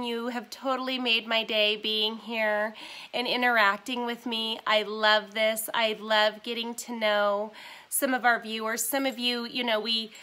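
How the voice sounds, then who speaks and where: A woman in her forties hosts a casual live stream from her phone at home. Her voice is bright and a bit high, with a stuffy, nasal tone from a sinus cold. She chats warmly with viewers, filling the gaps with ums and apologies as she reads comments. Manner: chatty, apologetic, many ums and so's. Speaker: vintage shop owner hosting a live stream.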